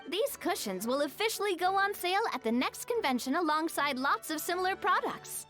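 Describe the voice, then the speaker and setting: In video game story dialogue recorded in the studio over game music, a woman voices a poised, cheerful young noblewoman who manages a theme park. Her voice is high and animated, and her delivery is brisk, polished, and articulate as she explains things in an upbeat, proud, cheerful way.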